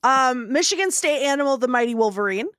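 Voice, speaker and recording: A woman's voice: sits high, animated, brisk, fairly bright tone, clear, resonant tone, dry recording, clean studio sound. A woman co-hosting a casual podcast livestream, reading out items in a matter-of-fact way. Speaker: podcast co-host.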